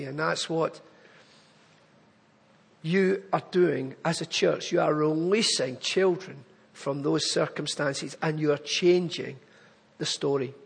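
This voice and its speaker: Glaswegian man, husky high voice, earnest church appeal, long hall reverb. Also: fairly bright tone. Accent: Glaswegian Scottish. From Glasgow, Scotland. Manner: earnest, storytelling, direct address to congregation. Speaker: charity speaker at a church.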